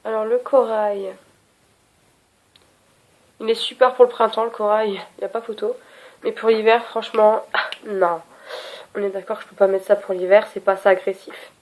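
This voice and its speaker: A woman's voice: mid-range voice, fairly even intonation, normal speed, long pauses, darkish tone. Chatty French beauty vlogger woman. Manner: chatty, scattered, self-mocking. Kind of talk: casual product review.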